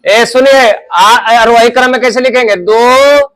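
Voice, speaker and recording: Male math teacher, Bihari Hindi accent, high voice, drills and scolds pupils in class. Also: unhurried, a bit bright. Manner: scolding, drills pupils with call-and-response questions.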